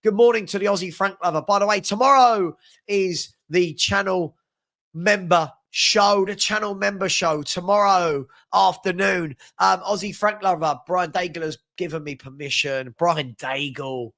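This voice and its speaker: A young man with a high voice hosts a live fan chat stream at normal speed, upbeat and chatty as he reads viewers' comments aloud and gives shout-outs. A head cold leaves him sounding a bit sniffly.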